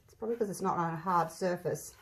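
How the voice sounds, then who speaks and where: A woman's voice: fairly low pitch, quick pace. An Australian woman giving a casual, chatty craft demonstration, thinking aloud, her voice slightly muffled by a mask over her mouth. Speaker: craft tutorial host. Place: indoor craft table.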